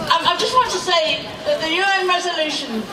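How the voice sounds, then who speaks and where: A speaker giving a measured, formal address at a rally. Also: very high-pitched, noisy background. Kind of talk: formal public speech. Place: street rally. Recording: echoey, distant phone recording over loud crowd.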